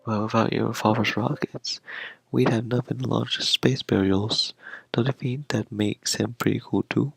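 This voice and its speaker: A man voicing a patient mother who explains things softly, as he reads a game's dialogue aloud. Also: lowish voice, fairly even intonation, measured pace, gravelly, breathy edge, no room sound, soft background music, exaggerated voice. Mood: gentle. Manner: soft, reassuring.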